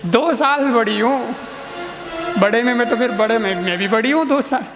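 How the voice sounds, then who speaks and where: A man voicing a calm young wife who stays soothing but quietly firm. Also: extremely high pitch, normal speed. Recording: long reverb hall with faint music.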